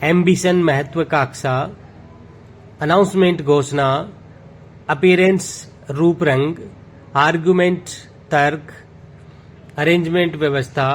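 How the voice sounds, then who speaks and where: Man, teacher reading a word list, slow even rhythm, slightly high voice, faint room noise. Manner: steady list-reading with self-corrections. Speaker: vocabulary teacher.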